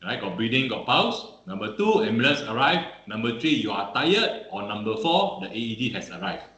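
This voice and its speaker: A man's voice: mid-range voice, sing-song, a little fast, fairly bright tone, echoey room, poor audio. Man teaching first aid. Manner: repetitive, punctuates with "all right" and "okay". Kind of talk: online first aid webinar.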